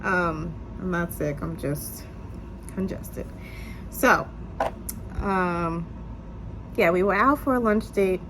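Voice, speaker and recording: A young female vlogger, congested and a touch nasal, recounts a casual story time to her camera on a tripod at home. She speaks slowly in a voice on the low side, leaving long pauses, yet stays chatty with many "um"s and "you guys". Background noise is audible.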